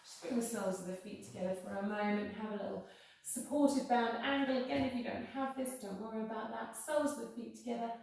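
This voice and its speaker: Female yoga teacher, higher-pitched, careful and unhurried, reassuring instruction, very roomy and slightly distant recording. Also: vocal fry, darkish tone. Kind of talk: guided yoga class instruction. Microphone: worn mic near the face. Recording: very echoey room, distant-sounding.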